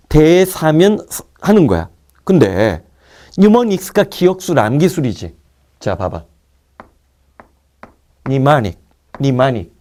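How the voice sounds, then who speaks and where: A man teaching an English vocabulary lecture, drilling word roots with quick asides to his students. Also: medium pitch, a little mellow. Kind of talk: recorded online lecture.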